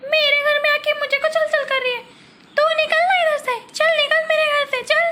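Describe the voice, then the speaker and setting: A woman acts out a proud, short-fused young sister who bickers and bosses people around. Her voice is pitched extremely high. This is a homemade comic family sketch. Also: steady tone, normal speed, sharp tone, a little hiss or hum. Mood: scolding. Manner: scolding, bickering, threatening. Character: proud hot-tempered young sister, bossy.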